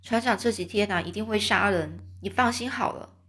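A woman voicing a friendly male sailor who speaks in a hushed, coaxing way. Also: medium pitch, brisk, close to an everyday voice.

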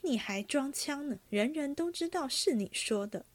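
A woman's voice: sits high, expressive, normal speed, pitched above the performer's own voice. A woman voicing an exasperated noble mother who scolds her son sharply. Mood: scolding. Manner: scolding through clenched teeth.

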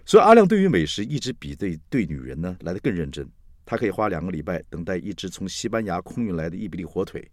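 A man's voice: low voice, background noise. Playful older man telling a comic story. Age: 60s. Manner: chatty, playful, animated asides. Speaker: storyteller host.

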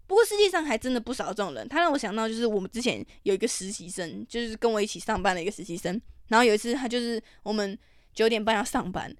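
A young woman with a Taiwanese Mandarin accent hosting a podcast, telling stories in a casual, profane style that bursts into loud, animated rants. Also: on the high side, fast talker, no echo, studio quality. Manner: profane, ranting, animated outbursts. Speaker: podcast host. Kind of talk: casual storytelling monologue.

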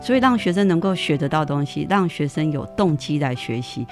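A man's voice: on the high side, expressive, fairly quick, soft background music. A man hosting an interview, giving frequent affirming back-channels and asking questions. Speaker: host.

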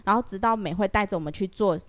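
A woman's voice: medium pitch, fast talker. A woman with a Taiwanese Mandarin accent, a podcast guest reflectively telling her own story with many fillers. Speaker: guest sharing her experience. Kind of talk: casual podcast conversation.

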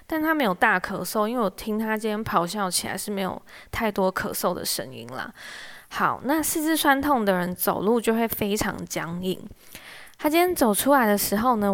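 A young adult woman, telling an office story in a casual, wry, exasperated way and acting out what others said. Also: medium pitch. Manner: animated, wry and exasperated, acts out quoted speech.

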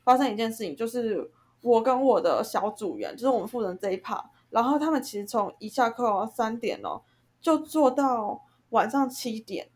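During a casual podcast conversation, the young female co-host gets worked up over a conflict within a group, ranting and storytelling with lots of animation. She speaks at a moderate pace in a slightly high voice.

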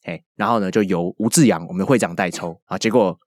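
A man's voice: deep voice, fast talker. A man with a Taiwanese Mandarin accent chatting casually and jokingly as a podcast host. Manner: animated, joking. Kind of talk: casual chat about baseball news.

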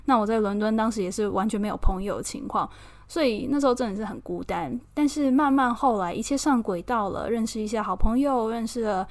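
Chatty Taiwanese woman, bright higher voice. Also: fairly quick. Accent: Taiwanese Mandarin. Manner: chatty and expressive, laughs often. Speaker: podcast host, model. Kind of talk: casual personal chat.

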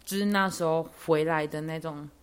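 Low-pitched young woman telling a story. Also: normal speed, smooth. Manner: chatty, lots of fillers, animated when excited. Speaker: podcast host. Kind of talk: casual personal storytelling.

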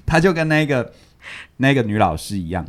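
A man's voice: medium pitch, brisk. A man, casually retelling a story from a book on a podcast, repeating words and laughing as he goes. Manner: animated, repeats words, laughs while telling. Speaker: podcast co-host reviewing a book.

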